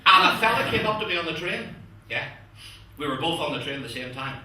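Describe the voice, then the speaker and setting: A man doing stand-up one-liners in a club, chatting to the audience as ladies and gentlemen. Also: a little high, expressive, fast, slight background noise. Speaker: stand-up comedian. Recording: echoey club from a distance. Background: audience laughter.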